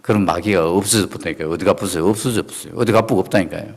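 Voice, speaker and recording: A middle-aged male pastor preaching a sermon, emphatic and animated, often asking the congregation questions and laughing. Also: low-pitched, rapid-fire, creaky.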